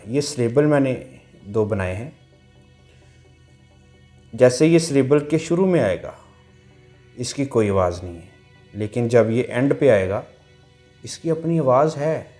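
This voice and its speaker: A man teaching a language lesson, explaining pronunciation rules patiently, repeating each point and sounding out syllables slowly. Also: mid-range voice, lively intonation, a little mellow, soft background music.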